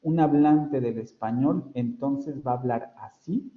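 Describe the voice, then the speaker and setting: A man's voice: mid-range voice, measured pace. A man with a Mexican Spanish accent, a university professor giving an online phonetics lecture, explaining patiently and correcting himself often. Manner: explanatory, self-correcting, frequent fillers. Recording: roomy, dull lo-fi audio.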